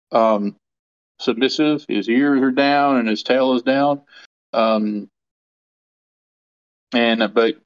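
A man's voice: mid-range voice, lo-fi sound. A man narrating as game master, rambling with frequent ums and restarts.

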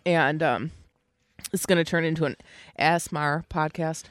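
A woman's voice: low voice, fairly even intonation, measured pace, dry recording, clean studio sound. A woman co-hosting a casual podcast, teasing and joking, swearing casually. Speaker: podcast co-host. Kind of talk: casual chat.

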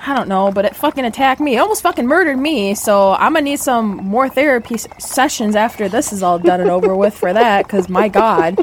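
A woman's voice: mid-range voice, fairly quick, hardly any pauses, natural voice. Woman playing a vain, huffy party girl over background noise. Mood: huffy, gossipy. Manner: whiny, huffy, valley-girl filler talk. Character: vain, sassy popular party girl griping to a video diary.

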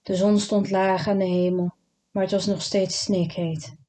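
A woman reading a literary novel aloud in a calm, measured way. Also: mid-range voice. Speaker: narrator. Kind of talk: literary audiobook narration.

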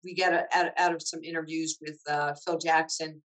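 A woman, a former basketball coach, being interviewed and telling lively anecdotes in a casual way. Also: low-pitched, a little fast, poor audio. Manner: lively anecdotes with quoted dialogue.

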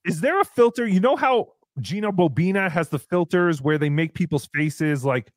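A high, lively male voice with a sarcastic, rambling way of talking. He is a livestream host in his fifties, recorded dry and close with no room sound at all. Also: normal speed, dry recording. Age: 50s. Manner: sarcastic, rambling, reads out donations. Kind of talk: casual livestream chat.

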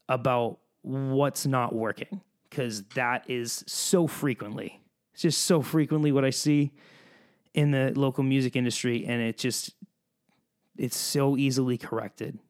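A man talking alone into the mic as a podcast host, with a middle-pitched voice. He speaks bluntly and with heat, rants about his industry, then eases into warm reassurance. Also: normal speed. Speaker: musician. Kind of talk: solo podcast monologue.

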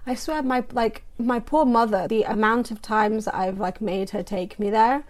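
A woman's voice: a little high, normal speed. A young woman co-hosting a podcast, chatting casually, swearing freely and laughing often. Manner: swears freely, giggly and animated. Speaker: podcast co-host. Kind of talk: casual chat.

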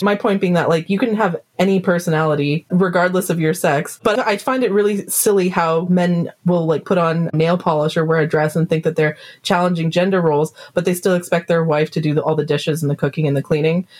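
A woman's voice: fairly low pitch, a little mellow. Woman talking straight, no nonsense, just chatting with friends. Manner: forthright, plain-spoken. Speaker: podcast co-host. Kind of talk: casual opinionated chat.

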